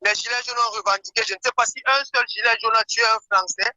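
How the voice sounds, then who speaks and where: Caller on speakerphone: very high-pitched man, indignant and accusing, dull phone sound. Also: fairly even intonation, fast talker, pushed and bright, dry recording. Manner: indignant, accusing, repeats words. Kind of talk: call-in question to a guest.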